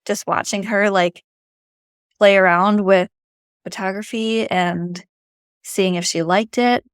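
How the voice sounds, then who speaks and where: A middle-aged woman speaks with an Upper Michigan Yooper accent at an average pitch. She tells a personal story in an informal, chatty manner, leaning on words for emphasis. The sound is dry, with very little room echo. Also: steady tone, takes it slowly, clear, resonant tone. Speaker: vlogger.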